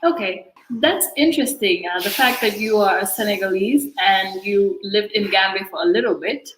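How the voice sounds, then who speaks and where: A woman's voice: mid-range voice, moderate pace, reverberant, background noise. A woman hosting an interview show who greets her guest and asks questions in a friendly way, with some fillers. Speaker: host.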